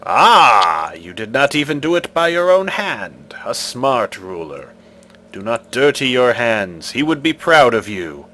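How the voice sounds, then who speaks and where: A man voicing a giant stone face guardian in a tabletop game, testing visitors with booming, ceremonious questions. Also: sing-song, measured pace, bright, forceful tone. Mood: solemn, approving. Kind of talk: tabletop game role-play.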